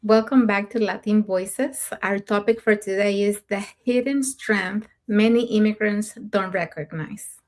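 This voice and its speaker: A middle-aged woman from Mexico introduces herself on a panel in a measured way. Her voice sits mid-range. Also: mid-range voice.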